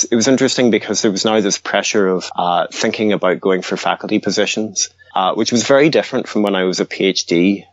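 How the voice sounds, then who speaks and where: A man with a very low voice, from Northern Ireland and raised in the Scottish Highlands, talking through his career as an interview guest. He pauses often, with plenty of ums and restarts. The sound is dry and slightly muffled. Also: no room sound. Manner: hesitant, many ums and restarts. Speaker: guest, research advocacy director. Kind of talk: interview conversation.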